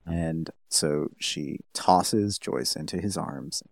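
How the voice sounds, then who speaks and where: A man's voice: a bass voice, slow pace, gravelly, dry recording, clean studio sound. A man co-hosting a podcast, chiming in with jokes and quips while recapping an episode. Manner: joking, chimes in with quips. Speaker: podcast co-host. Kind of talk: casual recap chat.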